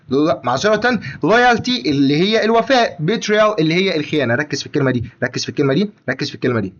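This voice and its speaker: A young man with an Egyptian Arabic accent teaching an exam-prep lesson, brisk and repetitive, speaking straight to his student. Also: high-pitched, a bit bright, muffled recording.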